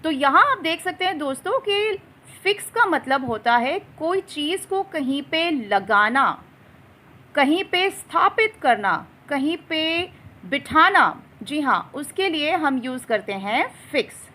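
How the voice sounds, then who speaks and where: A woman teaching English vocabulary in a slow, explanatory manner, often addressing her viewers as friends. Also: high voice, sing-song, pushed and bright. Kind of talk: vocabulary lesson.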